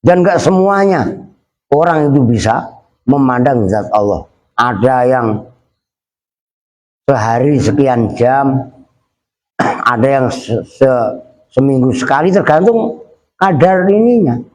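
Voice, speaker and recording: A man's voice: medium pitch, expressive, slow, pauses often, darkish tone. A middle-aged man from Indonesia, a kyai at a pesantren who translates Arabic phrases line by line. He teases his students and jokes with them between the translations. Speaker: kyai teaching a kitab at a pesantren. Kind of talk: kitab study lesson, translating Arabic line by line.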